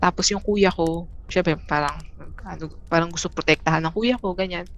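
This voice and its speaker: A woman from the Philippines, a guest telling a personal story in a casual, halting way, with many restarts and fillers. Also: on the low side, fairly even intonation. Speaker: interview guest.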